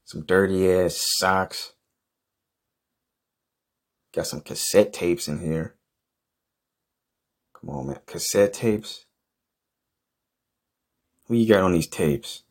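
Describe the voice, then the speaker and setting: A man's voice: deep voice, extremely slow, long pauses. A man hosting a comedy podcast, delivering an improvised monologue in a profane, exasperated, grumbling manner.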